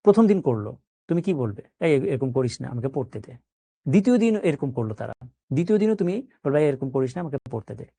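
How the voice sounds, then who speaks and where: Lively-voiced male teacher asking questions. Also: fairly high pitch, no room sound. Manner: explains with everyday examples and checks understanding with questions. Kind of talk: classroom biology lesson.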